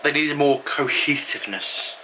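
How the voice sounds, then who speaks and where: A man's voice: on the high side, a little slow, bright, forceful tone, slight background noise, poor audio. A British man co-hosting a vlog, chatting casually with frequent ums. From United Kingdom. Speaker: vlog co-host. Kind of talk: casual chat.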